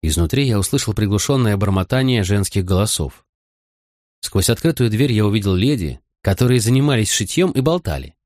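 Male narrator, low voice, first-person audiobook reading, measured, dry close sound. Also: animated, darkish tone, no echo.

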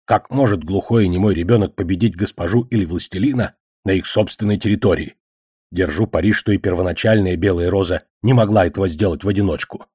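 A man doing a low, gruff sardonic wizard. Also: fast talker, dark tone, dry recording. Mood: curt. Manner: low, dry, matter-of-fact. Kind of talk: audiobook character voice.

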